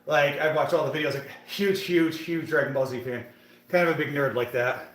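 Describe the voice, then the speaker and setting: A chatty, hyped man in his thirties hosts a fitness livestream, talking casually with viewers in the chat while he works out in an echoey gym. His voice is on the high side and a bit bright, with fairly even intonation at normal speed.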